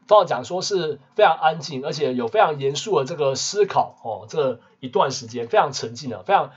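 Husky-voiced man teaching vocabulary, lo-fi. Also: fairly high pitch, expressive, brisk. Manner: peppers talk with tag questions. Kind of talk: casual vocabulary lesson. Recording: muffled lo-fi recording.

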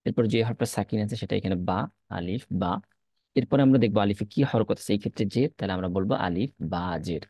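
Man, teacher, mellow dark tone, slow patient repetition. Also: on the low side, no echo. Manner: patient, repeats letter drills slowly. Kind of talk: step-by-step lesson on reading Arabic letters.

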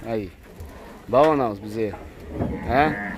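A man vlogging on a cattle farm, talking casually to viewers and breaking off to yell loud herding calls at the cows. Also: fairly low pitch, unhurried, background noise. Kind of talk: casual farm vlog narration. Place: outdoors on a cattle farm, by the corrals.

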